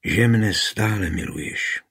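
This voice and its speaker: A frail, tender queen on her deathbed, speaking low and quiet with a husky, breathy edge, voiced by a male audiobook reader. The voice sits deep and hushed, fading into soft, intimate words. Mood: tender, weak. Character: dying queen, tender and frank. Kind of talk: audiobook reading.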